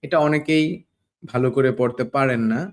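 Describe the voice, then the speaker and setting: A man's voice: mid-range voice, steady tone, normal speed. A man teaching Quran pronunciation, drilling each Arabic letter sound over and over and asking his learners questions he answers himself. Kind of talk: slow pronunciation lesson. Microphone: camera facing the teacher.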